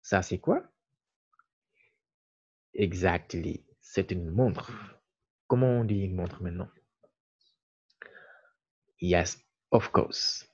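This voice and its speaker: A man teaching a lesson to viewers, slow and deliberate, repeating key words. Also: low voice, breathy edge. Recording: muffled lo-fi recording.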